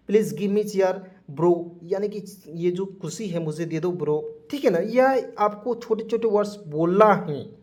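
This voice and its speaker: High-voiced man teaching English word by word. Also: darkish tone. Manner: repeats each word and asks the viewers questions; addresses the viewers as friends again and again. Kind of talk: spoken lesson for beginners.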